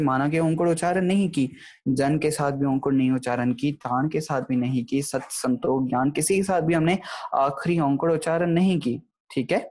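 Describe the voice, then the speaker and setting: A man's voice: fairly high pitch, a little mellow. A man giving an online grammar lecture, explaining step by step and often checking in with his listeners. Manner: explanatory, keeps checking in with "thik hai". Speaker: Gurbani grammar teacher.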